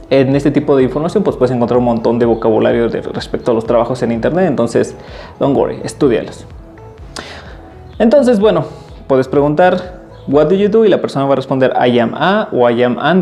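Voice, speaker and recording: A man teaching an English lesson in Spanish, patiently repeating example phrases slowly and clearly. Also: mid-range voice, mellow. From Mexico.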